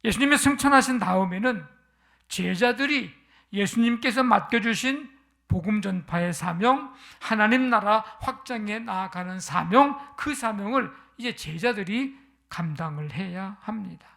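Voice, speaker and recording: A pastor preaching a Sunday sermon in a gravelly, creaky voice. The pitch sits in a middle range. The delivery moves through a scripture story and stops often for questions to the congregation. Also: a little slow, fairly bright tone.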